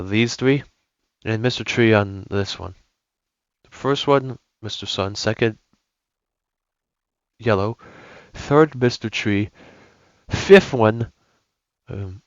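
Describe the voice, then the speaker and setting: A man's voice: on the low side, no echo, dull audio. A young man giving casual, rambling gameplay commentary, often correcting himself as he goes. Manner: rambling, self-correcting, enthusiastic. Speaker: gaming YouTuber.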